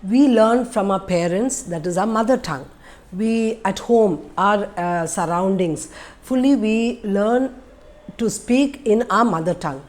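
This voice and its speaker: A woman's voice: medium pitch, measured pace, a little mellow. A middle-aged woman with an Indian English accent gives an informal lesson to camera, didactic and emphatic, repeating her key points. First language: an Indian language. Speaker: English teacher giving learning tips. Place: small room indoors.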